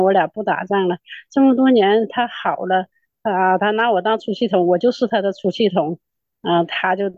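A woman's voice: medium pitch, a little mellow, no echo. Middle-aged woman, Northeastern Mandarin accent, earnest tearful testimony, repetitive telling, dull lo-fi sound. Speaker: church member giving testimony. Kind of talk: emotional personal testimony. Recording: dull lo-fi dry recording.

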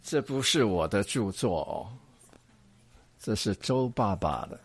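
Slow, deliberate older male Bible teacher. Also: fairly low pitch, lively intonation, husky. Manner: slow and deliberate, stretching words when reading passages aloud; frequent restarts and hesitations. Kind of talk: unscripted church teaching lecture.

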